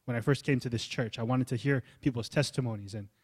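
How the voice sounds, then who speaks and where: A man preaching a sermon as pastor, swinging from loud emphasis to soft, low asides. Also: quick pace, husky. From United States. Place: church hall.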